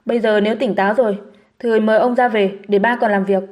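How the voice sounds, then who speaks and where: A man's voice: high-pitched, steady tone, racing, darkish tone, lightly acted. A woman voicing an irritated but polite male bar owner in an audiobook. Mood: curt.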